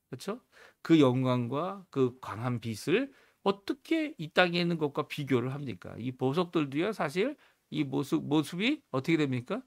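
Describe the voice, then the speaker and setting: Male pastor, gravel in the voice, pitch a touch high, earnest sermon delivery. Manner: earnest teaching tone, rising emphasis, frequent restarts. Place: church, morning prayer livestream.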